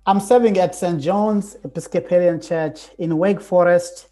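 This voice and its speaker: A man's voice: high voice, steady tone, unhurried, dark tone. A South African man in his forties, a curate answering interview questions in a thoughtful, hesitant way with many fillers. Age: 40s. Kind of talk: casual interview.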